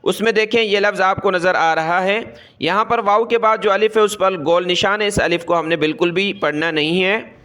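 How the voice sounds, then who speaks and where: A man teaching Quran recitation rules, spelling out letters one by one and chanting the words in long drawn-out tones. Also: high-pitched, steady tone, bright, forceful tone. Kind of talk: tajweed lesson.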